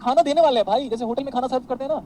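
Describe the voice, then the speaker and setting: Fast-talking man teaching a class. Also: very high voice, slight background noise, poor audio. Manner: animated, addresses students as beta, tells anecdotes. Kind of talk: classroom lecture.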